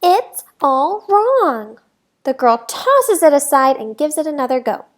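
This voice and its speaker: A woman with a high voice reads a children's picture book aloud as a teacher would. Her delivery is expressive, and her phrasing is deliberate and emphatic for young listeners.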